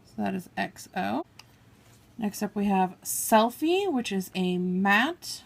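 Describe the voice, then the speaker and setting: With a camera on the table trained on her hands, a woman beauty vlogger casually talks through her makeup haul, swatching shades on her arm and apologizing for mangled names. She speaks slowly in a mid-range, creaky voice, yet sounds animated.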